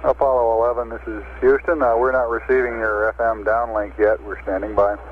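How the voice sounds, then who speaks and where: American mission controller on tinny radio. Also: male voice, mid-range voice, level tone, fairly quick. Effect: radio transmission. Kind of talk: procedural radio communication. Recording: tinny, hissy 1960s radio link. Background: static and radio beeps.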